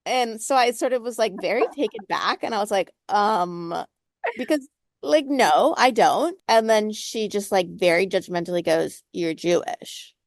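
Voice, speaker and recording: A woman's voice: mid-range voice, animated, moderate pace, dry recording, clean studio sound. Young woman guest telling a story, amused. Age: young adult. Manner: amused storyteller, cackles, mimics others. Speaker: podcast guest. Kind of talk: casual chat.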